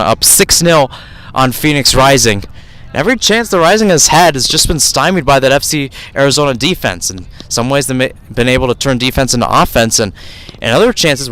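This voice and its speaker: A play-by-play sports commentator calls a soccer match live on radio from outdoors, describing the action in short, clipped phrases. His voice is medium-pitched with a fairly bright tone.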